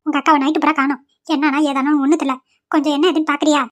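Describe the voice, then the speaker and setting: A domineering cartoon mother-in-law, voiced by a woman, cold and harsh, firing off quick scolding lines. The voice sits high and moves fast. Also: flat delivery. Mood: scornful. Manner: sharp, scolding.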